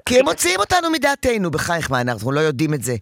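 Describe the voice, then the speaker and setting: A woman counseling a parent in an emphatic, animated advice session. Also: on the low side, creaky, no room sound, studio quality.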